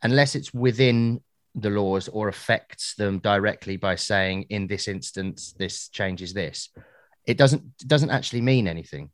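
A man with a very low voice co-hosts a podcast and tells stories in a blunt, unhurried way. His sound is close and dry, with no room around it. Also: dry recording. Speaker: podcast co-host. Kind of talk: casual podcast chat.

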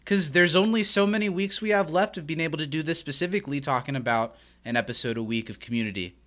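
A man's voice: on the high side, fast, a bit bright. A man co-hosting a podcast in a casual, chatty style. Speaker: podcast co-host. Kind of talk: casual chat.

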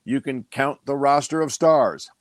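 A man's voice: mid-range voice, measured pace, dry recording. An older man, an actor guest, telling rambling anecdotes in a casual interview.

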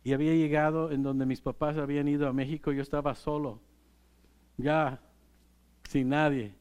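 A middle-aged male pastor, preaching in a relaxed, conversational way. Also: fairly high pitch, clean tone. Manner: unhurried, conversational preaching with light laughs. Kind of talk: sermon.

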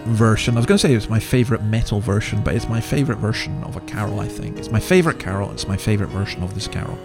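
With music playing behind him, a podcast host speaks very fast in a low-leaning voice. He rambles conversationally through informal commentary, fixing his own words as he goes.

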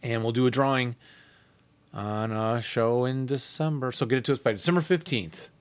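A man's voice: mid-range voice, moderate pace, clean tone. Man co-hosting a casual hobby podcast. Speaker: podcast host. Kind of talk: casual co-hosted chat.

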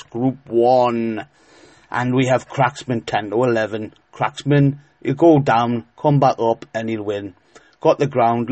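A man giving informal horse racing tips as a tipster, emphatic and repeating words for stress, with a halting delivery. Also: medium pitch, a little mellow, no echo. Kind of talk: informal betting tips commentary.

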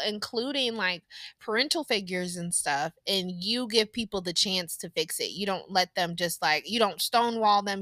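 Woman podcast host, bright tone, dry close mic, chatty and laughs a lot. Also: mid-range voice, no echo. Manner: laughs often, chatty and animated. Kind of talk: casual family chat.

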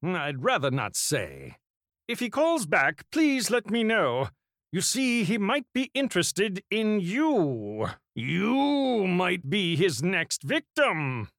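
A woman's voice: on the low side, wildly swooping pitch, slow, dry recording, studio quality, voice pushed down, full character voice. A woman voicing a pompous male vampire hunter who speaks in grand, old-fashioned formal phrases. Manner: pompous, archaic formal speech.

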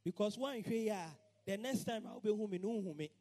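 A man preaching a sermon, shouting and chanting repeated phrases. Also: high voice, fast.

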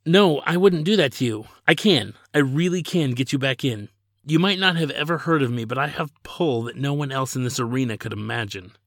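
A man's voice: mid-range voice, lively intonation, fairly quick, no room sound, studio quality, pitched above the performer's own voice, lightly acted. A man voicing a flustered young prince who keeps pleading for a chance.

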